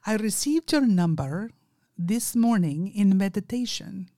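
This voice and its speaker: A woman voicing a gentle, insistent male stranger who calls with a message and keeps repeating "no, no, no.". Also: medium pitch, animated, unhurried, dry recording, clean studio sound, lightly acted. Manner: repeats "no, no, no" emphatically.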